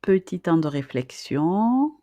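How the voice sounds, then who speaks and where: With a lowish, mellow, sing-song voice, a woman leads a slow, patient lesson for beginning readers and writers. She repeats each question and checks in with the listener, and the recording is dry.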